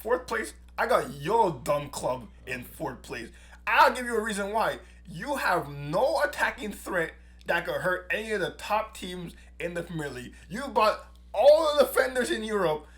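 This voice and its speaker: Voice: mid-range voice, a bit bright. A podcast co-host in a casual sports debate who keeps heckling and interrupting with mocking jabs.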